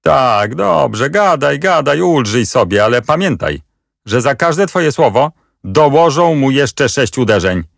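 Man doing a nasty sneering noble villain, taunting, gravelly. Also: medium pitch, big pitch swings, a little slow, no echo, studio quality, pitched above the performer's own voice, full character voice. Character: cruel mocking adult nobleman, villain.

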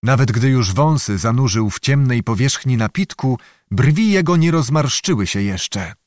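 Expressive male audiobook narrator. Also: mid-range voice, unhurried, no echo, clean studio sound. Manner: expressive storytelling.

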